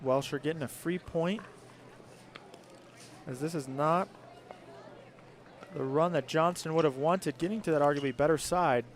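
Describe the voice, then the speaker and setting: A man's voice: on the high side, unhurried, pauses often. A man giving live play-by-play commentary as a pickleball commentator.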